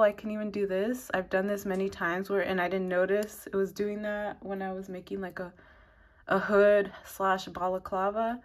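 A woman giving a casual, loosely organized knitting product review, rambling and dropping in lots of "like". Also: mid-range voice. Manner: self-described advanced beginner knitter. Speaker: knitting channel host reviewing needles.

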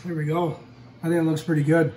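In a home kitchen, a cooking show host in his forties cheerfully demonstrates a recipe to camera and addresses his audience as "guys." He talks fast in a level tone, his voice on the high side yet somewhat dark. A distant mic gives a roomy sound with light kitchen noise in the background.

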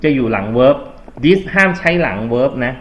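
A man teaching English grammar in a classroom review, speaking with a Thai accent, patient and coaxing as he reads exam sentences slowly. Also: mid-range voice, lively intonation, lo-fi sound.

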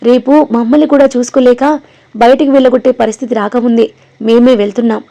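A woman's voice: fairly high pitch, steady tone, fast talker, dark tone, highs cut off, close to an everyday voice. A woman voicing a hurt, dignified old grandmother in a storybook reading.

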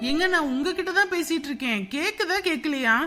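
A woman's voice: high voice, animated, brisk, pushed and bright, faint music behind. An actress playing a young wife who pleads with her husband in a family drama. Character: young wife leaving for mother's home.

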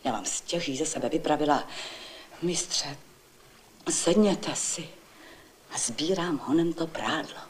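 A fussy, talkative housewife rattles off her grievances in quick, complaining bursts, as a woman reads her part. She sounds busy and indignant, a homely figure in a vintage storybook reading. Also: low voice, a little hiss or hum, close to an everyday voice. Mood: chatty.

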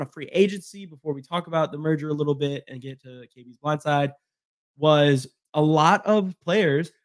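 A man co-hosts a casual sports podcast. He talks in an animated way and often repeats himself. His voice sits a little high and sounds dry and close. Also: dry recording. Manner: animated, repeats phrases, laughs easily. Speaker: podcast co-host.

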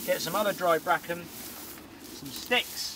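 A young man gives relaxed, practical bushcraft instructions while he works. His voice sits slightly high, and he often pauses mid-sentence. Faint outdoor ambience surrounds him at a woodland camp. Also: noisy background. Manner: explains steps calmly while working with his hands, pauses to blow on embers. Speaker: bushcraft host.

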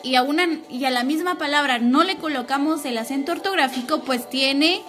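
Bright, high-voiced woman teacher. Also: faint music behind. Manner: patient, slow and clear, asking the class questions. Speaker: primary school teacher. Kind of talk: recorded classroom lesson for children.

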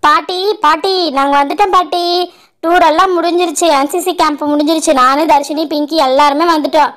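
A woman doing a fast, restless boy. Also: sits high, fairly even intonation, fairly bright tone. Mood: excited. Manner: fast, grumbling. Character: restless boy bored by girls' games. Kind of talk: doll-show voice acting.

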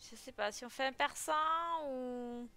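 A woman's voice: on the high side, fairly even intonation, moderate pace, a bit bright, clean tone. A woman giggling and chatting casually as she comments on her game, now and then meowing playfully. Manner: giggly, chatty, exclaims often; plays with cute meows. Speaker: let's play gamer.

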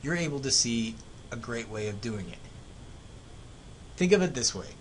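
Lecturing on economics like a professor, a man with an American accent uses everyday examples while narrating slides. His intonation is lively and his pace moderate, but the audio is poor, with clear background noise and a low rumble.

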